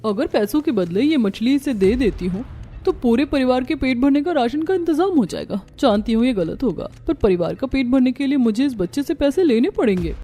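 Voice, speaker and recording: A woman's voice: high voice, animated, brisk, dark tone. A woman voicing a kind, resourceful young Bengali daughter-in-law in a cartoon family story. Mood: troubled, thoughtful. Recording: music under the voice.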